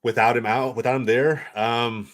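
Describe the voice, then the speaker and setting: A man talking as a guest pundit on a casual football podcast, analysing quickly with many restarts and "right?" asides. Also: mid-range voice. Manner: fast, animated analysis with restarts and "right?" tags.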